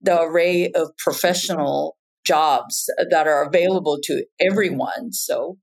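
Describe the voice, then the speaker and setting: Low-voiced woman, reflective podcast guest. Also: measured pace. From Japan. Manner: reflective, with frequent "you know" and "in terms of". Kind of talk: casual conversation.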